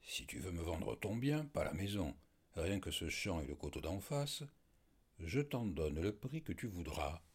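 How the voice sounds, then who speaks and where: A man voicing an old country grandfather who speaks calmly but grows threatening, with a low husky voice. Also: takes it slowly, exaggerated voice. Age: older. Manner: calm and dry, later hoarse and panting. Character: old country grandfather, calm businesslike, then enraged.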